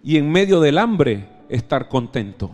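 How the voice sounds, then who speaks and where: A man with a Venezuelan accent preaching a live church sermon, emphatic, firing questions at the congregation and swinging from loud exclamations to soft low asides. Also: very animated, unhurried, soft background music. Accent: Venezuelan Spanish. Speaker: pastor. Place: church service.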